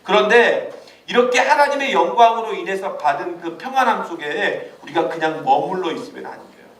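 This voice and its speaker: A man preaching a sermon to a youth ministry, lively and laughing often as he acts out quotes. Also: high-pitched, brisk. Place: church hall. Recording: echoey room, mic at a distance.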